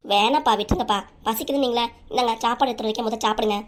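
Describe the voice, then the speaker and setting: A woman voicing a gentle young daughter who pleads softly with her father in a cartoon. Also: a little high, very fast, lightly acted. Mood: pleading. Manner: pleading, soft.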